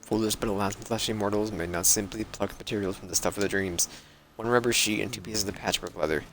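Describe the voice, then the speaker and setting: A man's voice: on the low side, fast talker, fairly bright tone, a little hiss or hum. A man voicing a grandiose armored carpenter from a video game, with pompous, archaic phrasing. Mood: pompous, solemn.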